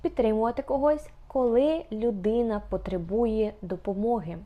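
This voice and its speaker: A young woman teaching English phrases, explaining slowly and carefully, often repeating examples with small hesitations. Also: on the high side, phone-quality sound.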